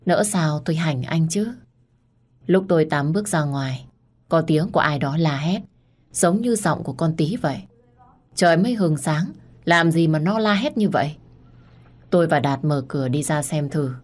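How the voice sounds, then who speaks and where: A woman narrating a first-person audio story in a calm, intimate manner. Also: deep voice, moderate pace.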